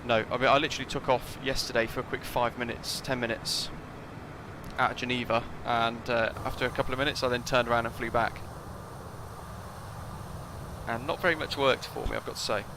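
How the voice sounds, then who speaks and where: A man's voice: medium pitch, level tone, a little fast, background noise. A man casually talking through a flight sim live stream, thinking aloud and chatting with his viewers.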